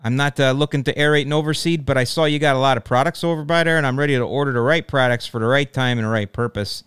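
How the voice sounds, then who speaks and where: A man's voice: mid-range voice, quick pace, a bit bright, clean tone, no echo, studio quality, natural voice. A man putting on a chatty Chicago homeowner. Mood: friendly. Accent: Chicago (put on). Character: male homeowner from the Chicago suburbs, friendly.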